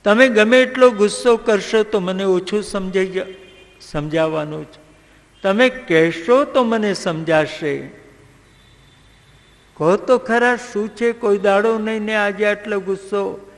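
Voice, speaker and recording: A man's voice: high voice, unhurried, big-room sound. A man voicing queen Draupadi, a devoted woman pressing her husband with questions. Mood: pressing worried.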